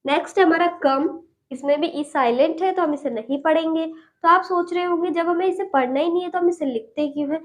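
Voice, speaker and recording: A woman's voice: very high-pitched, brisk. A woman teaching an English lesson online, patiently repeating each word and closing every point with "okay".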